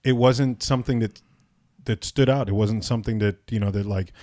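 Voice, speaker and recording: A man's voice: on the low side, fairly even intonation, mellow, dry recording, studio quality. A man from Puerto Rico hosting a podcast, chatting casually with lots of restarts and fillers. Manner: halting, many restarts and fillers. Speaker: podcast host.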